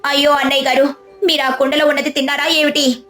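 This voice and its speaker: A woman's voice: a little high, a little fast, soft background music, natural voice. A woman voicing a kind, sensible village housewife who explains and lectures, in a storybook tale. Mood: amused.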